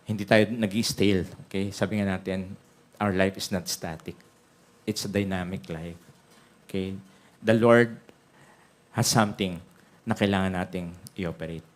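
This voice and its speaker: Filipino pastor preaching in Taglish. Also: male voice, low-pitched, steady tone, a little slow, pauses often. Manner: frequent "okay?" check-ins to the congregation; switches between Tagalog and English. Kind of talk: sermon.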